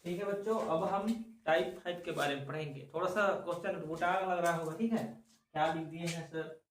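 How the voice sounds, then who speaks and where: Echoey far-off male teacher, high voice. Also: a little hiss or hum. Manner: repeats questions and answers them himself; drawn-out explaining. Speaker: reasoning teacher. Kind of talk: classroom lesson for exam students. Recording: very echoey room, voice far from the mic.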